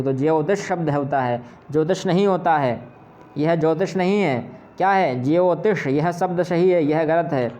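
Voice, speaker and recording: Man slowly spelling out Sanskrit sounds. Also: fairly high pitch, a little mellow, highs cut off. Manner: patient, repeats words slowly to correct them; asks and answers his own questions. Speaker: Sanskrit teacher. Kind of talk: pronunciation lesson.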